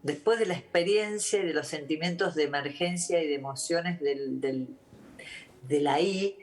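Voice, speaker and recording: A woman doctor with an Argentine Spanish accent gives interview testimony in a halting, reflective way, with many restarts and fillers. Her voice is low-pitched and a little mellow.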